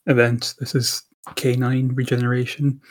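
A man's voice: medium pitch, little pitch movement, normal speed. Guy cohosting a podcast, rambly, lots of ums and uhs, mid voice. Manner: rambling with many fillers and restarts. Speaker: podcast co-host. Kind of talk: casual podcast chat.

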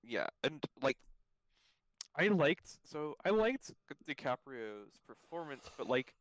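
A man's voice: medium pitch, very animated, slow pace, a bit bright, poor audio. A man chatting about a film on a podcast, hesitant and self-deprecating. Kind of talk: casual film discussion.

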